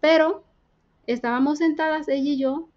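A woman's voice: high voice, fairly even intonation, normal speed, muffled recording. A woman from the Dominican Republic with a Dominican Spanish accent, earnestly telling her faith testimony as a guest and acting out the dialogue she recounts.

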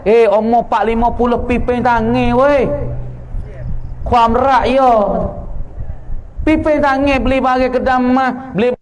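A male preacher with a fairly high voice and a Patani Malay accent gives a sermon in a mosque. He tells stories in a lively, teasing way and acts out the voices of the people he quotes. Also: a little slow, long pauses, poor audio. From southern Thailand. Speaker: religious teacher.

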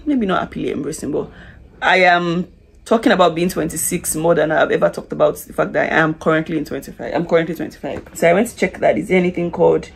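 Fast-talking, with a low, gravelly voice and a breathy edge, this woman in her twenties is a beauty vlogger doing her makeup. She confides in a camera close in front of her in a small room with curtains, a casual get-ready-with-me chat heavy on "like" and restarts.

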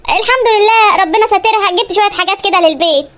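A patient, put-upon Egyptian housewife from a comic cartoon, played by a woman, polite on the surface and exasperated underneath. Her voice is squeaky and very high, and she speaks in quick bursts. She has an Egyptian Arabic accent. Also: a bit bright. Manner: polite, sweet, exasperated asides. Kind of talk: cartoon comedy voice acting.

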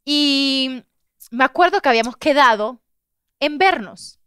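A woman on a chat show telling a personal story with lots of energy, acting out what people said with loud bursts and laughter. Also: high voice, measured pace, no echo, studio quality. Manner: expressive storyteller, acts out quotes with loud outbursts and laughs. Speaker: guest host telling a story. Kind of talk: animated anecdote on a chat show.

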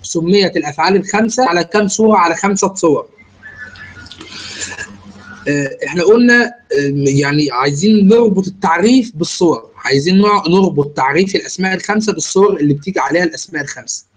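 A man's voice: sits high, fast, husky, rough recording. A man with an Egyptian Arabic accent teaching a grammar lesson, explaining step by step and quizzing his students.

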